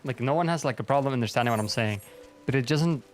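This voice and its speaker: This streamer is a young man from Belgium whose native language is Dutch, and his Flemish accent is strong. He talks fast at a medium pitch, chatting loosely and rambling through his gaming stream. Frequent swearing, self-mockery and false starts fill his speech.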